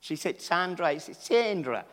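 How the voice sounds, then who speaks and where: A man with a Malaysian English accent, originally from Malaysia, preaching as a guest in church, excitable and over the top with frequent laughter. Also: on the high side, normal speed. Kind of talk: sermon. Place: church hall. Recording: echoey church hall with long reverb.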